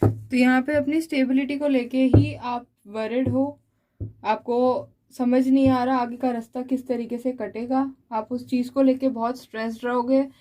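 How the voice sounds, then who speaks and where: A woman reading tarot cards for viewers, explaining each card slowly and speaking directly to the listener. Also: high-pitched, steady tone, mellow, poor audio. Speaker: tarot reader.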